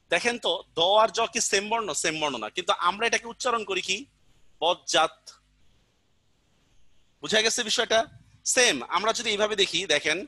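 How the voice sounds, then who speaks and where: Bright, dry-voiced male teacher. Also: sits high, no room sound. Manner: keeps asking students check questions; repeats and spells out examples patiently. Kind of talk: online exam-prep grammar lesson.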